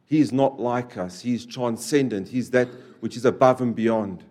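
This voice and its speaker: A man's voice: mid-range voice, moderate pace. Emphatic male preacher delivering a sermon. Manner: emphatic, repeats key phrases, swings between loud stresses and quiet drops. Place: church service.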